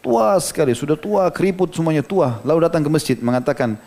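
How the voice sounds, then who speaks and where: This man, an Indonesian Islamic preacher, speaks quickly and expressively in a fairly high, darkish voice with vocal fry. His storytelling sermon explains quotes in plain terms, with frequent conversational "ya" and "gitu" asides.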